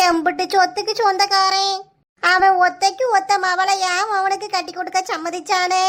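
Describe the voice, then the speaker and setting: A woman's voice: very high-pitched, pushed and bright, heavily acted. A wailing stubborn village mother. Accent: Kanyakumari Tamil. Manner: wailing, lamenting, repeats phrases. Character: grieving middle-aged village mother, stubborn and bossy. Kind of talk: animated cartoon dialogue.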